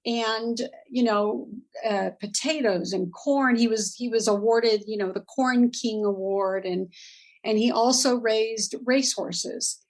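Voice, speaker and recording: A woman from Southern California, a podcast guest telling her family story in a rambling, animated way. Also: fairly high pitch, takes it slowly, rough recording. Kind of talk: podcast interview.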